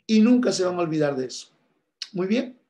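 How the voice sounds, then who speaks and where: A man's voice: high voice, lively intonation, fairly quick, dark tone. A man teaching a church class, earnest and repeating his key points, speaking to listeners as brothers and sisters.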